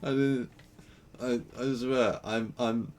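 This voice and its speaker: Faint music plays behind a young Dutch streamer as he chats and jokes his way through a game, laughing often. His mid-range voice, marked by a Dutch accent, stays fairly even in intonation and moves slowly.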